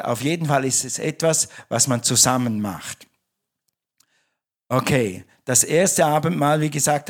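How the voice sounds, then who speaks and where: A man preaching a sermon in German to his congregation, talking in a conversational way with frequent restarts and self-corrections. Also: fairly high pitch. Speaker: pastor. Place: church.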